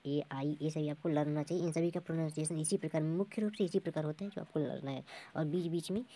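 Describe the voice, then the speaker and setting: A male teacher explains pronunciation rules step by step, patient and repetitive, often stopping to check that students follow. His voice is warm and mellow rather than bright. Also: fairly high pitch, steady tone, fast.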